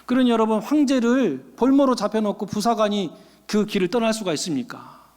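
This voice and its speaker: A male pastor preaching a sermon, telling a story in an animated way and acting out the characters' voices. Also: high voice, fairly quick. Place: church sanctuary. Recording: long church-hall reverb.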